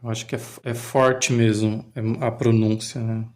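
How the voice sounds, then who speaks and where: At a normal speed and with flat delivery, a man with a lowish voice offers hesitant, casual remarks on a language lesson. He hosts as a language learner, thinking out loud and frequently starting over.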